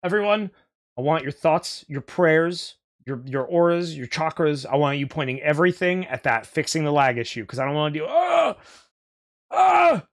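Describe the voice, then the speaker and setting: A man live streaming casual game commentary in an excitable, joking, sweary way. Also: a little high, a little fast. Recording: music and game sound underneath.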